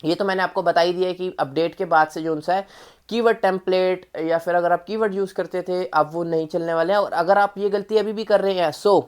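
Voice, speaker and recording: A woman's voice: fairly low pitch, fairly even intonation, brisk, a little mellow. A woman giving a casual exam-prep lesson, mixing in English phrases, talking to viewers in a familiar way and repeating key points. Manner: mixes Hindi with English phrases. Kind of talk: casual spoken lesson to students.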